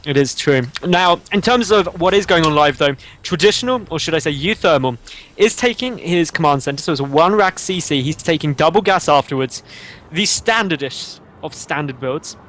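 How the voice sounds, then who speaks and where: A man's voice: a little high, lively intonation, normal speed, a bit bright, slight background noise. A man casting a video game match, teasing his partner and explaining each player's build. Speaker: esports caster. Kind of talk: casual game commentary.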